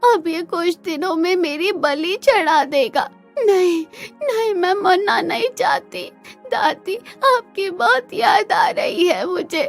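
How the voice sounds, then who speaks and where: A woman doing a scared little she-goat in a cartoon, high-pitched and tearful, pleading slowly and softly. the voice trembles with fear and sits well above an ordinary woman's talk. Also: soft background music. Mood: frightened tearful. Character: frightened young female goat.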